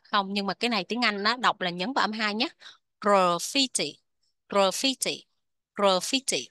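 A woman with a Vietnamese accent teaching English vocabulary, repeating each word slowly before explaining it. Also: mid-range voice, sharp tone, no room sound. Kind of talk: vocabulary lesson.

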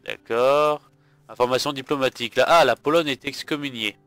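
A tired man hosts a let's play of his strategy game, thinking out loud and hesitating often. His mid-range voice is a little bright and moves at normal speed, recorded dry.

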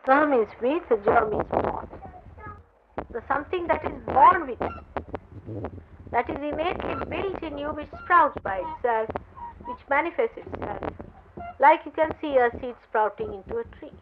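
Woman spiritual teacher, explanatory and unhurried, heard on a lo-fi old tape. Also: sits high, animated, background noise. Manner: explanatory, gropes for words with pauses. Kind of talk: spoken spiritual talk to followers. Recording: dull lo-fi 1979 tape recording.

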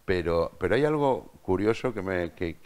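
Man in his 40s, TV host, lowish voice, animated interjections, lapel mic. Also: moderate pace, smooth. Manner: enthusiastic, interjecting, exclamatory. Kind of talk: conversational interview. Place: small TV studio set.

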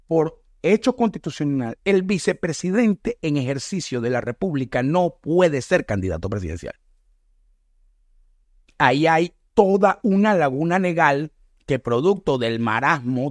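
A man's voice: medium pitch, a little mellow, no room sound, clean studio sound. A middle-aged Venezuelan man with a Venezuelan accent, reacting to a video with earnest, emphatic political commentary. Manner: earnest, emphatic, speeds up and slows for stress.

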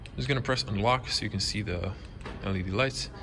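In a noisy car dealership, a young Croatian-native man talks on the low side as he films a casual walkaround review on a handheld camera close to his face, also getting inside the car. His delivery stumbles, with plenty of fillers and non-native wording.

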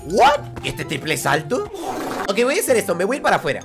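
Excitable gamer, yelling and joking. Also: male voice, high-pitched, fast, creaky, music in the background. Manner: loud, excitable, jokey, shouts and laughs a lot. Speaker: gaming streamer. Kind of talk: let's-play commentary.

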